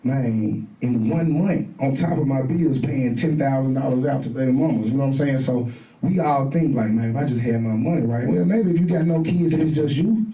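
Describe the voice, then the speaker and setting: A middle-aged man, a podcast guest telling stories casually and acting out quoted voices loudly. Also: medium pitch, a little fast. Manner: animated, acts out quotes in raised voice. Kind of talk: casual storytelling. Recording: roomy, distant mic.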